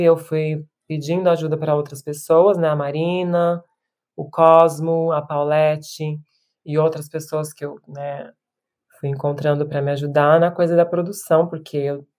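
In a low, slightly mellow voice, a musician and performer in her thirties reflects during a casual interview. She often restarts her sentences and adds tag questions.

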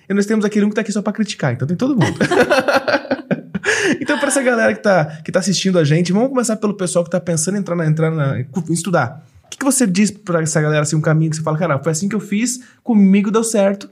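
A man's voice: sits high, darkish tone, husky. A man hosting a casual podcast interview, chatty and eager, laughing along with his guest. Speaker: podcast host.

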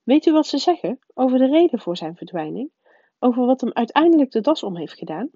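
A woman reading aloud voices a stern older female professor who talks in a high, urgent, faltering way. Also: very animated, fairly quick, mellow, slightly rough, no echo, exaggerated voice. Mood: urgent, flattering. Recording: dull, dry lo-fi recording.

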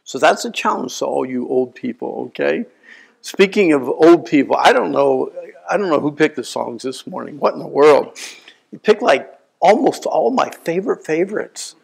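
A man in his sixties preaching a sermon, telling stories with animated swings between loud bursts and quiet asides. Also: a little high, vocal fry, rough recording. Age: 60s. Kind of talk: sermon storytelling.

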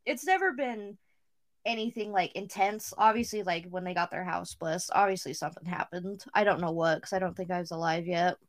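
A woman's voice: lowish voice, fairly quick. A young woman co-hosting a podcast, chatting casually, saying "like" constantly and swearing now and then. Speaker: podcast co-host. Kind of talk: casual chat.

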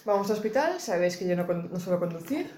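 A woman from tells a story among friends in a measured, easy way. Her pitch is middling, and faint background noise sits under a roomy echo. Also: big pitch swings, dark tone. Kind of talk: casual chat.

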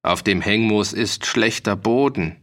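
A man's voice: fairly low pitch, a little slow, a bit bright. A man voicing a stern, dignified older magistrate who questions people formally. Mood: questioning.

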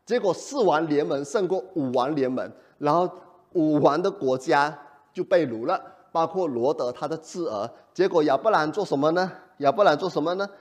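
A male pastor preaching a sermon in an animated way, often putting rhetorical questions to the congregation. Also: on the high side.

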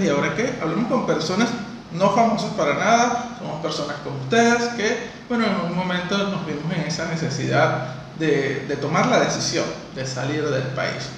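A man from Venezuela hosting a podcast interview, chatting in a friendly, conversational way. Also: fairly high pitch. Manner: friendly, conversational, asks long questions. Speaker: podcast host. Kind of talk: casual interview. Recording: roomy distant echo, faint noise.

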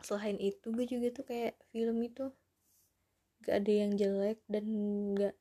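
A woman hosts a casual solo podcast, rambling and self-deprecating, in a soft-edged voice. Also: mid-range voice, fairly even intonation, measured pace. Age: 20s. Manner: rambling, self-deprecating, often chuckling to herself. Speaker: podcast host.

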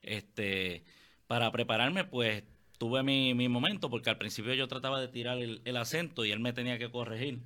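Actor guy chatting in an interview, bright voice, lots of fillers. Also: medium pitch, moderate pace. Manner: relaxed, uses filler "este". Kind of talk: casual interview talk.

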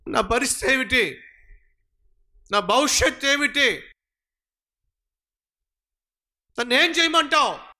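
A desperate man lifts his voice high to God, as a preacher puts him on, pleading over and over in a strained, climbing lament. The pitch rides well above the speaker's usual voice and swells into near-shouts. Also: animated, normal speed, exaggerated voice. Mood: anguished pleading. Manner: pleading, repetitive lament rising to cries. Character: anguished grown man crying out to God.

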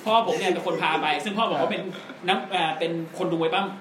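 A man's voice: sits high, fast talker, roomy sound, background noise. A man in his thirties, co-hosting a podcast, telling a long story with crude jokes and frequent laughs. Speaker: podcast co-host. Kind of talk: casual chat.

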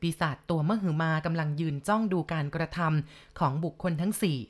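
Woman, storyteller, horror novel reading, deep-ish voice, steady dramatic delivery. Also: fairly quick.

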